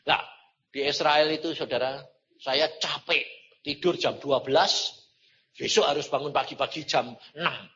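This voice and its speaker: An older man preaching a sermon, telling personal stories with lively delivery and acting out dialogue in a husky voice. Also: a little high, moderate pace, slight background noise. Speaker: evangelist preacher. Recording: dull lo-fi recording.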